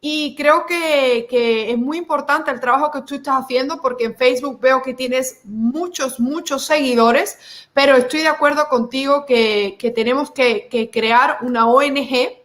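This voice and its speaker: A woman's voice: high-pitched, normal speed, fairly bright tone. A woman hosting an informal online interview, moving between two languages as she talks to guests. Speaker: host. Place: video call.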